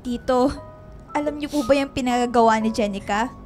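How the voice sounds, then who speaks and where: A woman's voice: fairly high pitch, a little fast, a little mellow, soft background music, lightly acted. An actress playing a wronged, indignant young woman in a radio drama, tearful and accusatory, with a Filipino accent. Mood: tearful, insistent.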